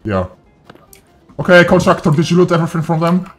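A man's voice: fairly high pitch, lively intonation, brisk, a bit bright, soft background music. A man talking through a voice changer in online game chat, brashly mocking the players he has just ambushed. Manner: brash, mocking trash talk. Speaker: gamer posing as a hired team killer.

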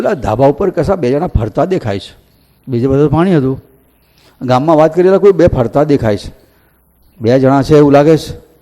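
Mellow-voiced man telling a devotional tale. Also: mid-range voice. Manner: animated folksy narration, voicing villagers. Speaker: katha storyteller. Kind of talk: devotional storytelling discourse. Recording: echoey hall reverb.

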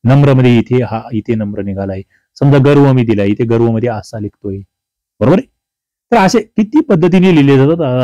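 Fast-talking male teacher, dark dry voice. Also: medium pitch, no room sound. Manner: fast, chatty and teasing, calls students brother and sister. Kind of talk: exam-prep grammar lesson.

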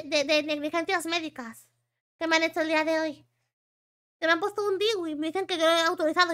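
Very high, bright-voiced Spanish streamer woman. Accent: Spain Spanish. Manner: chatty, reacting to chat and reading messages aloud. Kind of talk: casual live-stream chat.

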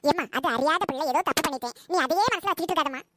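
Woman doing a sweet-talking sneaky daughter, really high voice, noisy recording. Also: racing, lightly acted. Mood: coaxing. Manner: wheedling, pleading. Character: coaxing, scheming adult daughter. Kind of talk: comedy skit acting.

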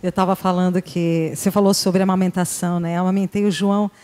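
A woman's voice: lowish voice, level tone, fast talker, a little mellow. A woman guest in a casual talk show chat, cheerfully telling a funny anecdote about her son. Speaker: guest mother.

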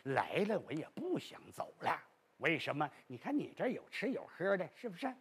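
A male storyteller voicing a boastful, cowardly bluffer who stammers and talks fast, with a raspy voice. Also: on the high side, wildly swooping pitch, voice pushed down, exaggerated voice. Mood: sly.

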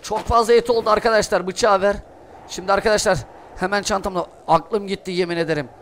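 Excitable high-voiced young gaming streamer. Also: male voice, fast. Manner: excitable, swears and shouts at the game. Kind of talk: Let's Play commentary. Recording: noisy gameplay audio behind voice. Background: game sounds and ambience.

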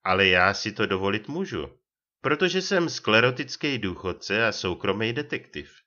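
A gruff old retired detective, as a male reader puts him on, blunt and growling, his pitch swinging widely as he talks. The sound is dull and lo-fi. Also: sing-song, bright, forceful tone. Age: older.

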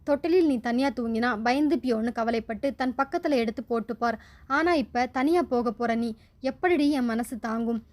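A woman voicing an anxious elderly mother who pleads softly and frets. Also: fairly high pitch, normal speed, natural voice. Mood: tearful. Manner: fretful, soft pleading.

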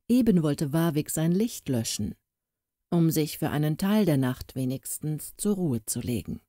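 A woman reading an audiobook as narrator, telling the story in a measured, expressive way. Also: low-pitched, no echo, clean studio sound. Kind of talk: scripted narration.

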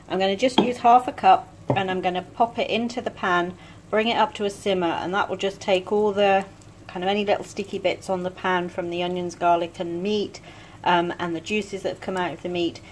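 A woman talking casually through each step of a home cooking demonstration in a relaxed, chatty way. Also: fairly low pitch, slight background noise. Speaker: home cook vlogger. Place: home kitchen.

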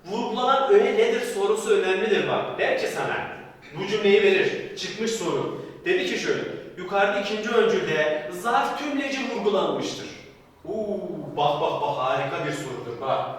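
A man's voice: high-pitched, moderate pace. A man teaching grammar for an exam, stressing warnings and answering his own questions. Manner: emphatic, repeats warnings, asks and answers students' questions himself. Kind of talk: recorded exam-prep lecture. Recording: echoey hall from far off.

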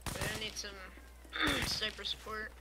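A young man joking loudly while gaming with friends. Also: high voice, a little slow, creaky, heavy background noise. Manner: loud, rowdy, joking. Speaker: friend on stream. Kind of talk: casual gameplay chat.

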